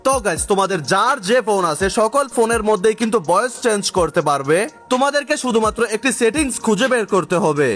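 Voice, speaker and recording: Over background music, a man with a very high-pitched, slightly bright voice narrates a gaming tutorial. His scripted narration is energetic and instructional, addressed directly to viewers.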